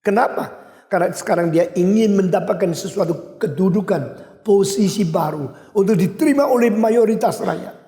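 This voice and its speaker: A man's voice: sits high, moderate pace. Older male preacher in an echoey hall. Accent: Indonesian. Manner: emphatic, wide swings in loudness, switches briefly to English. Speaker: pastor. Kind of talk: sermon.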